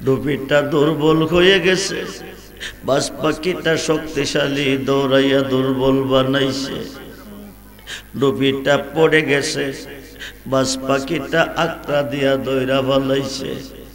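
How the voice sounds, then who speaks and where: A man with a Sylheti-influenced Bangladeshi Bengali accent, preaching a sung waz sermon at an outdoor gathering, chanting in long melodic lines that rise into shouts. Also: mid-range voice, fairly even intonation, takes it slowly. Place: outdoor religious gathering with loudspeakers. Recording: echoey public-address sound with faint music.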